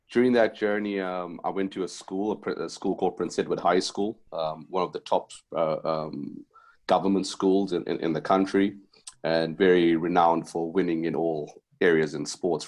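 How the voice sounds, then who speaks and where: A middle-aged basketball coach from Zimbabwe, guesting on a podcast, rambles through his past in casual interview chat, restarting sentences and filling gaps with "um" and "you know." His very low, deep voice is darkish with little pitch movement, at a normal speed.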